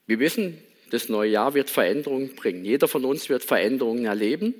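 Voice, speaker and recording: A man's voice: mid-range voice, animated, quick pace. A man giving a sermon in a reflective manner, asking many rhetorical questions and reading a Bible passage. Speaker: pastor.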